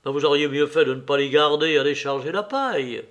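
A man reading an audiobook voices an adult male landowner who fires off sharp, demanding questions. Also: a little high, fairly quick, dull audio, lightly acted. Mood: exasperated. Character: impatient landowner, adult male, quick to anger.

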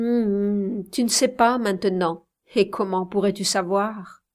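Brief: slow, brooding elderly grandfather, read by a woman, storybook. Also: medium pitch, darkish tone, close to an everyday voice. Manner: pensive, murmuring. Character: brooding, doting old grandfather.

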